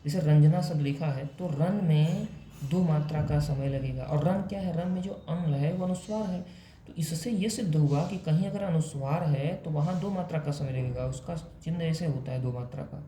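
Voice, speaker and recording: A man's voice: on the high side, warm tone, reverberant, slight background noise. A man teaching a lesson, explaining step by step with frequent check-ins and the occasional self-correction. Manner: self-correcting, drawn-out examples. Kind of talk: explanatory lesson on poetic meter.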